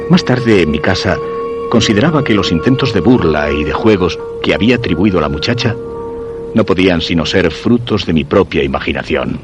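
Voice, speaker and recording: A radio theatre actor with a low voice plays a lovesick, obsessed commuter, narrating his search in the first person. His Castilian Spanish is brooding and deliberate, in the style of dramatic radio drama.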